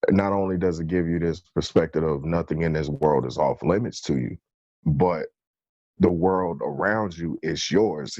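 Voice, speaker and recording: Low husky man in earnest podcast chat. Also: darkish tone, no echo, highs cut off. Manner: earnest, reflective, lots of "you know". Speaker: podcast co-host.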